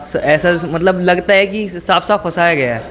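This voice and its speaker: Young college guy, kinda high voice, stumbling a bit while he answers. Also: moderate pace, a crowd in the background. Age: young adult. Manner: hesitant, mixes in English words and trails off. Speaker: college student being interviewed. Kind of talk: casual street interview.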